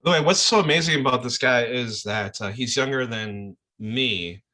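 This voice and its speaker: Bright-voiced man explaining a clip to a class. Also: medium pitch, moderate pace. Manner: talks in loose restarts and checks in with "okay?" and "all right?". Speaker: teacher presenting an online class. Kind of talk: casual explanatory commentary over a played clip.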